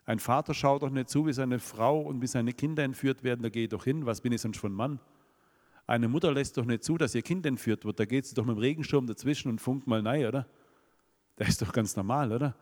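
Brief: male preacher, Swabian accent, middle pitch, sermon to a congregation, long hall reverb. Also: a little fast, darkish tone. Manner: rhetorical questions to the congregation.

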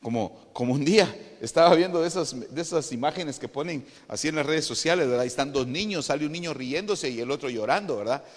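A man with a Guatemalan accent preaching a sermon, animated and emphatic, often calling his listeners "brother". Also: on the high side, fast talker, hardly any pauses, long reverb tail. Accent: Guatemalan Spanish. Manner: animated, addresses listeners as "hermano", rises to loud emphatic peaks.

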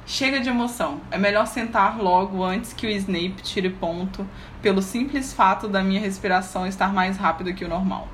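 A fed-up teenage witch scribbling angry diary entries, muttering her grievances in a brazilian accent, as a woman reads her lines out from a fan story. The voice sits at an ordinary middle pitch and stays quiet and grumbling. Faint noise runs under the recording. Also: moderate pace, natural voice. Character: moody, irritable teenage girl witch writing a diary. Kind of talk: reading fan fiction aloud.

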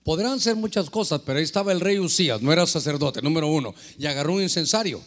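A man preaching as pastor, animated and preachy, acting out prayers and dialogues as he answers questions. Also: on the high side, fast, in a large hall. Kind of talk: lively sermon with questions from listeners.

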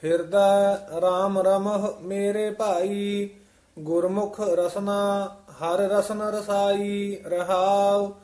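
A man chanting scripture verses in a slow, sung recitation as a student. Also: high-pitched, little pitch movement, darkish tone, roomy sound.

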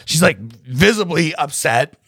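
Gravelly man, lively and profane. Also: fairly high pitch, a little slow, no room sound, studio quality. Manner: profane, animated, blunt ranting. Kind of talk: casual chat.

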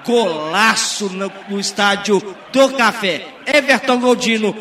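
Brazilian male match reporter, excited goal commentary, very high and bright, unhurried pace, slightly off-mic. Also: distant mic.

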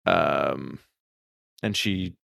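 A man's voice: very deep voice, extremely slow, vocal fry, a bit bright, no echo, clean studio sound. A man co-hosting a podcast, casually retelling a short story with lots of fillers and restarts. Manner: rambling retelling with many fillers. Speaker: podcast co-host. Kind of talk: casual book discussion.

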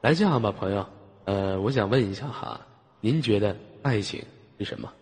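A man's voice: on the low side, normal speed, a little mellow, breathy edge. A man hosting a live online voice chat, bantering and teasing callers in a joking way, often chuckling as he talks. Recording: noisy, long hall-like reverb on the mic.

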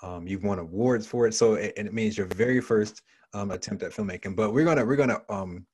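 A podcast host in a conversational interview, this man speaks a little fast with a lowish, darkish voice, and there's a slight hiss or hum. His questions run long and winding, packed with restarts and repeated words.

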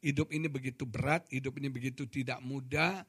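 Bright, husky older man preaching. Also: medium pitch, a little fast. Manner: animated, mixes English phrases, addresses congregation often. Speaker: pastor. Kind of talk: sermon with storytelling.

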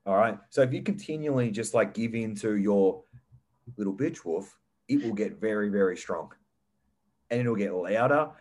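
A man's voice: fairly low pitch, lively intonation, moderate pace, darkish tone. A young man hosting a casual motivational chat, emphatic and breaking it up with laughs and frequent "all right"s. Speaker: podcast host.

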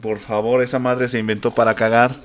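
A man's voice: mid-range voice, level tone, brisk. A young man with a Mexican accent in casual, crude chat, joking and laughing with heavy slang. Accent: Mexican Spanish.

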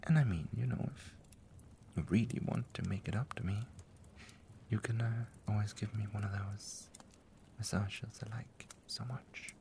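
Man playing a loving dragon partner, low gravelly voice, slow and whispered, faint typing behind. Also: a little hiss or hum. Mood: tender. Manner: soft and whispery, tender. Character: affectionate doting male dragon lover. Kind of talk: ASMR roleplay.

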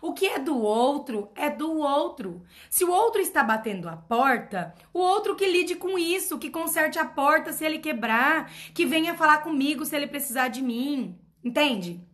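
A woman's voice: high voice, lively intonation, moderate pace, hardly any pauses, fairly bright tone. A woman mentoring her followers in an emphatic motivational talk. She repeats her points and keeps asking rhetorical questions. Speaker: personal development mentor.

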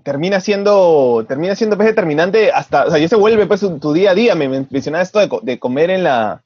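A man's voice: on the high side, lively intonation, quick pace, darkish tone, slightly rough, no echo. A Peruvian man with a Peruvian Spanish accent hosting a podcast, chatty and encouraging his guest with follow-up questions. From Peru. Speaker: podcast host. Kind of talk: casual podcast interview. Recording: dry, dull lo-fi podcast audio.

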